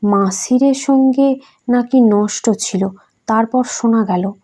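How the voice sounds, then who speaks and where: A woman voicing an elderly male saint who talks gently and playfully, in a storybook reading. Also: a little high, takes it slowly. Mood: gentle.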